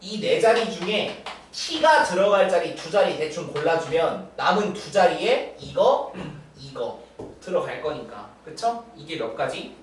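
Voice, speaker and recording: A woman's voice: low-pitched, animated, unhurried. A young woman tutors math one-on-one, her voice swinging up and down animatedly as she checks in with the student after every step. She sounds set back from the mic in a very echoey room. A faint hiss runs underneath. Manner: checks understanding with constant tag questions. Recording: roomy distant mic with faint noise.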